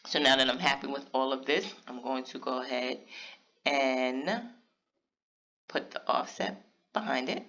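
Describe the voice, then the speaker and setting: A man with a bright, forceful voice gives casual, step-by-step narration for a craft tutorial, speaking straight to his viewers. The recording sounds a little dull and lo-fi. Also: medium pitch, unhurried, long pauses. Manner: casual step-by-step explaining, talks to viewers directly.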